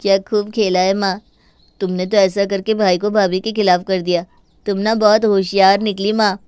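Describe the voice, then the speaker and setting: A woman's voice: mid-range voice, level tone, moderate pace, darkish tone, smooth, no room sound, lightly acted. A woman voicing an eager, fawning young daughter who sides with her mother in a cartoon.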